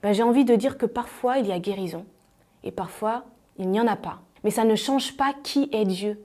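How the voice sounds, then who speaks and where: A woman giving an earnest personal faith testimony, speaking haltingly with frequent fillers. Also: mid-range voice, mellow.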